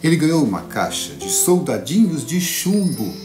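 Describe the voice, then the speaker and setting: Guy telling a fairy tale to kids, voice jumps all over, echoey room, guitar behind. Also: on the high side. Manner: lively, playful, dramatic pauses. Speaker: storyteller. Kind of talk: children's storytelling performance.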